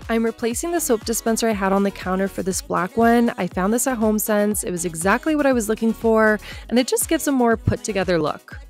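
A woman's voice: a little high, brisk, hardly any pauses, over loud music. A woman in her thirties narrating a home cleaning vlog in a casual, chatty voice-over with lots of fillers. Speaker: vlogger.

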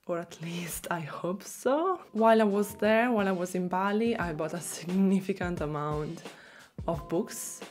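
Speaking to camera from a small room, a young Italian-accented woman chats about language learning in a fairly low voice. She is expressive and quick to laugh.

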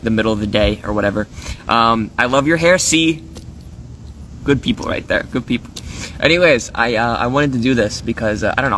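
Streaming live from his phone, a man with a mid-range, sharp-toned voice rambles casually through aggrieved venting. He swears freely, and his speech is thick with fillers and restarts over slight background noise.

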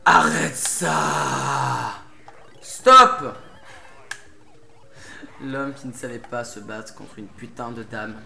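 A man's voice: medium pitch, steady tone, moderate pace, few pauses, fairly bright tone, a little hiss or hum. A young man doing casual commentary while playing a game, getting worked up, pleading with and swearing at a boss. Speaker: let's play gamer. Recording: game music behind the voice.

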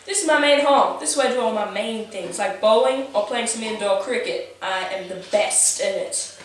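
Young woman doing a silly house tour, deadpan bragging, echoey room, noisy home video sound. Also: fairly high pitch, moderate pace, recorded from a distance. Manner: goofy, deadpan boasting with sudden yelps. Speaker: comic host giving a mock house tour. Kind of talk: comedic home tour parody. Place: house, indoors.

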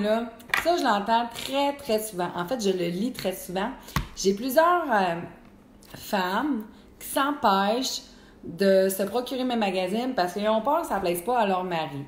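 A young woman with a Québécois accent hosting a live cooking stream, chatting casually and answering viewers. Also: mid-range voice. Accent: Québécois French. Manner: chatty and animated, full of fillers. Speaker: cooking show host. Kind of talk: live-stream cooking chat reading comments. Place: home kitchen. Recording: echoey room with faint noise.

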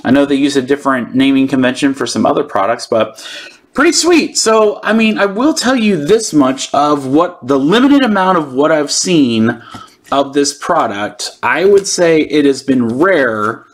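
A man's voice: mid-range voice, lively intonation, moderate pace. Man casually chatting through a card unboxing. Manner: informal, thinking aloud. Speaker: host of a sports card channel.

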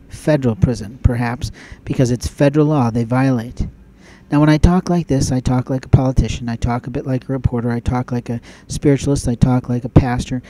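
A man's voice: mid-range voice, warm tone, poor audio. A man hosting his own audio show, giving an emphatic, preachy monologue with lots of repeated phrases. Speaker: podcast host. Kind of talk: spoken opinion monologue.

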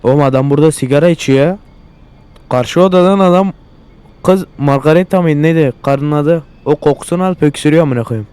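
A man's voice: a little high, a little fast, darkish tone, clear, resonant tone. A young man hosting a let's-play, commenting crudely with constant swearing and exasperated outbursts. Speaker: gaming channel host.

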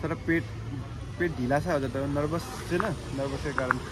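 Young male co-host, relaxed, explanatory, somewhat raised pitch, phone-recorded outside. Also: a little fast. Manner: relaxed, explaining things to viewers. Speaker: co-vlogger. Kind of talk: casual travel vlog talk. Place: outdoors by a river, rainy. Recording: phone audio with faint outdoor noise.

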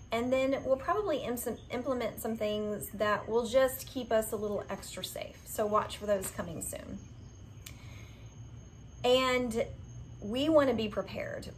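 A woman's voice: mid-range voice, slight background noise, low-quality recording. A woman in her forties, a yoga studio owner, giving a heartfelt direct-to-camera update from a covered outdoor patio, recorded on a camera at arm's length. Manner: warm, heartfelt, earnest.

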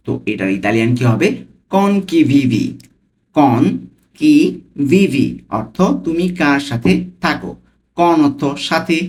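A man with a Bangladeshi Bengali accent giving a language lesson, breaking phrases into single words and repeating each one slowly. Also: fairly high pitch. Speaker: language teacher.

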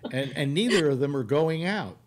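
A man's voice: on the high side, slight background noise. An older man hosting a casual panel chat on a video call, opinionated and full of questions. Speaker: host of a live panel show. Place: book-lined room at home.

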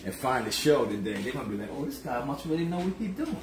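A man's voice: mid-range voice, quick pace, far from the mic, noisy background. A middle-aged man hosting a casual cooking livestream, joking and chatting as he cooks in his home kitchen. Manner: relaxed, joking, talks while cooking. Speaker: home cook and show host. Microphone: phone camera across the kitchen. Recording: echoey kitchen with loud sizzling. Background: frying and stirring sounds.

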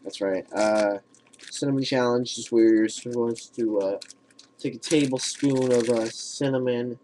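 A teenage boy chatting casually to a webcam at home in a hesitant, halting way. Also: medium pitch, mellow. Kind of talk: casual vlog chat. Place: room at home, indoors. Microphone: webcam at arm's length. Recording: faint noise and clicks, webcam audio.

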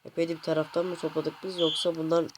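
A man hosting a gaming channel, commenting casually on his gameplay to viewers, often exasperated and complaining out loud at the game. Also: fairly high pitch, little pitch movement, quick pace, background noise. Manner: talks to viewers directly.

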